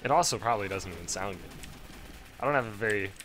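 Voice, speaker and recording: A man's voice: fairly low pitch, animated, fast talker, a bit bright, slight background noise. Crude rambling gamer guy, strained voice. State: strained, failing voice. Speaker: gameplay commentator. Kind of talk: casual gameplay commentary.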